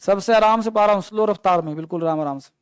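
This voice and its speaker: A man's voice: high-pitched, quick pace, smooth, no echo. A man teaching an online English grammar class, explaining patiently and mixing with English words. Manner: patient explaining, mixing Hindi and English, calls students beta and babu.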